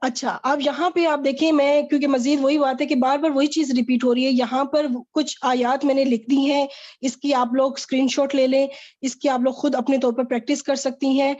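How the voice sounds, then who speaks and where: A woman's voice: high-pitched, a little mellow, lo-fi sound. A woman teaching an online Arabic grammar lesson, quizzing a student and explaining patiently.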